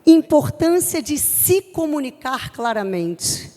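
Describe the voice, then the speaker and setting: A middle-aged woman from Brazil with a Rio de Janeiro accent, preaching to a youth group with forceful, emphatic delivery. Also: sits high, sing-song, slow, long reverb tail. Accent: Rio de Janeiro Portuguese. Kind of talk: youth church sermon.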